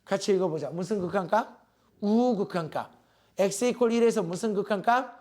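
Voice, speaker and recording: Male math teacher, very high voice, lectures a class and keeps checking they follow. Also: a little mellow. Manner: asks the class constant check questions, drawn-out emphasis on key terms.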